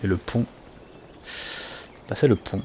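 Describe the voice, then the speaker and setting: A man's voice: unhurried, darkish tone, slight background noise. A man hosting a let's play, giving chatty, self-mocking gameplay commentary.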